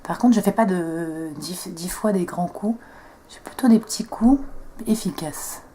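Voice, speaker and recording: A young woman speaks a little slowly in a fairly low, dark-toned voice, with a little hiss or hum in the background. She's a beauty vlogger casually chatting through a makeup tutorial, joking about herself and taking viewers through each step.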